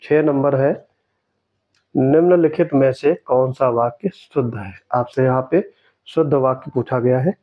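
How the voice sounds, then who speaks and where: A man tutoring for an exam, going through test answers in a steady way and repeating each key word for emphasis. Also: mid-range voice, measured pace, narrow, tinny audio.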